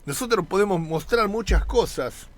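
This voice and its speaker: High-voiced preacher. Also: male voice, lively intonation. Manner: earnest, conversational preaching with pauses and repetitions. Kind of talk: sermon.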